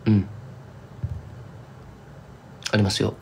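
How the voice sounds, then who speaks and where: A man's voice: takes it slowly, background noise. A young man from Kumamoto chatting casually with fans on a live stream, rambling and slipping into thick Kumamoto dialect. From Kumamoto, Japan. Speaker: singer-songwriter streaming live.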